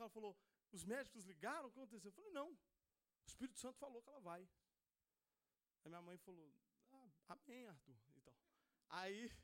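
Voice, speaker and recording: Young mineiro preacher guy in church, talks quick and high, super casual slangy testimony. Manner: casual storytelling, says "velho" and "cara" often. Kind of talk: sermon testimony.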